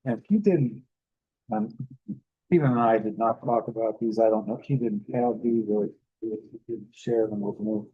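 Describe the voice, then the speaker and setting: A man advising a town council, speaking in a cautious, measured way. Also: lowish voice, breathy edge, narrow, tinny audio. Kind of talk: cautious meeting talk. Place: town council meeting room.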